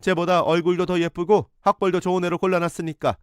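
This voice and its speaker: Man putting on a high scornful middle-aged mother, bossy, scolding, dry close sound. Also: quick pace, smooth, no echo, close to an everyday voice. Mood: domineering. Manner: imperious, scolding.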